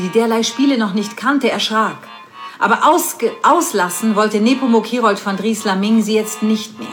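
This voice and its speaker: A woman reading an adult story aloud in a measured pace, with occasional slips and restarts. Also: mid-range voice, fairly bright tone.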